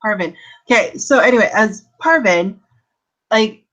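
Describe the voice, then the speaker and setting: A woman's voice: medium pitch, animated, unhurried, fairly bright tone, highs cut off. A woman in her thirties from Canada, co-hosting a casual book club live stream, chatty and rambling, with self-deprecating asides. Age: 30s.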